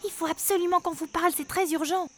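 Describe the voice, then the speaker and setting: A shy, clever little girl from a storybook, voiced by a woman, hesitant and pleading. Her voice is high. Faint noise sits behind her. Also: fairly even intonation, quick pace.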